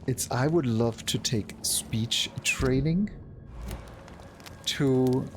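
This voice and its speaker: A man's voice: mid-range voice, extremely slow, background noise. A man streaming a game, chatting casually and laughing at himself often. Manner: self-deprecating, laughs often. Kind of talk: casual gameplay chat.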